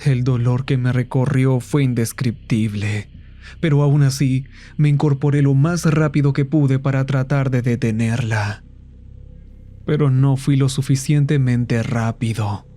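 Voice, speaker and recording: Slow, dark-voiced male horror narrator. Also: mid-range voice. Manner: slow, somber storytelling.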